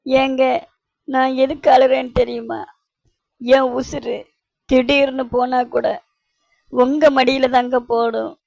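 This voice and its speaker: A woman's voice: fairly high pitch, normal speed, long pauses, darkish tone, dry recording, muffled recording, close to an everyday voice. A woman voicing a sweet-talking young wife in a cartoon, wheedling her husband. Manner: wheedling, sugary. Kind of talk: cartoon voice acting.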